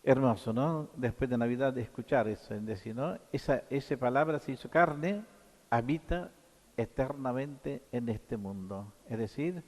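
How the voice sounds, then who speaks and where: Male priest, mid-pitched, halting sermon full of tag questions, long church echo. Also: a little mellow. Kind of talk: sermon at Mass.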